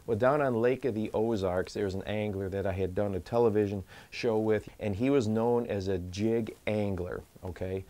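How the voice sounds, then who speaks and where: Low, mellow-voiced man teaching fishing. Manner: earnest, emphatic, repeats words for stress. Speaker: fishing channel host. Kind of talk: instructional to-camera talk. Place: small indoor studio with wood wall.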